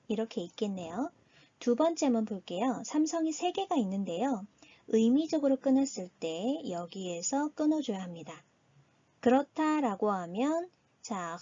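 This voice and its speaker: A woman teacher giving a recorded Chinese lesson, patiently explaining and slowly modeling pronunciation. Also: fairly high pitch, warm tone, dry recording, highs cut off.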